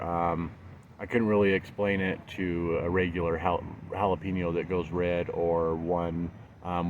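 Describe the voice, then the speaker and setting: A man with a very low voice chats loosely about his garden, drifting through thoughts with plenty of ums. The recording carries a steady background noise throughout. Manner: easygoing, rambling, many fillers. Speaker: home gardener reviewing peppers. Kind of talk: casual tasting vlog. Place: home and backyard garden.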